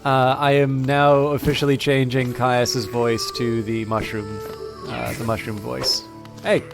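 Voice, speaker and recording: A man's voice: medium pitch, level tone, unhurried, creaky, over music. A man streaming a game with casual live commentary, rambling and thinking aloud.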